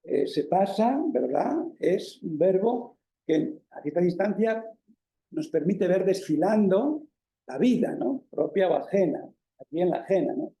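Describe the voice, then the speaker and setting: In an echoey lecture hall, a Spanish man with a Peninsular accent gives an academic lecture as a professor, his high-sitting voice dark in tone and lively in intonation. He goes a little slowly, working through each step with plenty of fillers and tag questions.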